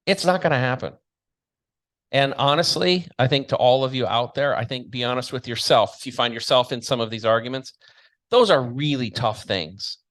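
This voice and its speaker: A man's voice: medium pitch, moderate pace, fairly bright tone. A man hosting a talk show, speaking straight to his audience in a blunt, combative, emphatic way. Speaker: show host and commentator. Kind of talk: opinionated monologue to an audience.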